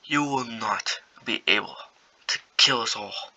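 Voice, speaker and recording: A man voicing a defiant alien warrior who speaks in a hushed but firm voice. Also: medium pitch, measured pace, exaggerated voice, poor audio.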